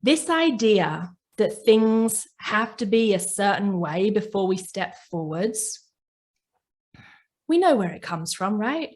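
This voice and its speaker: Slow, gentle woman. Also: mid-range voice, big pitch swings. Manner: gentle, reflective, often asks "right?". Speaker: podcast host and coach. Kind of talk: reflective self-help talk.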